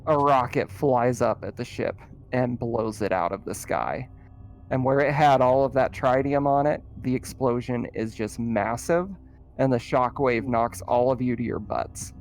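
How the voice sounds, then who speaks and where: A man acts as game master for a tabletop roleplaying game, casually narrating and refereeing in a mid-range voice at a measured pace, with some vocal fry. The recording has noticeable background noise.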